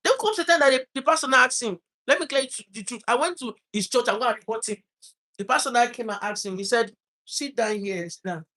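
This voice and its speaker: Struggling to hold back tears, a vlogger with a Nigerian accent haltingly recounts something painful from his life, frequently repeating and restarting. He speaks in an extremely high, bright, forceful voice.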